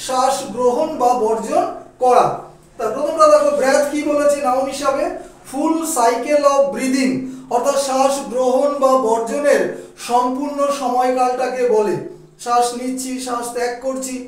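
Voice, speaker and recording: Male tutor, very high voice, slow patient explainer, roomy echo from off-mic. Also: a little hiss or hum. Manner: explains slowly, often asks "okay?"; stretches English example phrases slowly. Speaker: English teacher. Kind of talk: spoken grammar lesson. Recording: echoey room, distant mic.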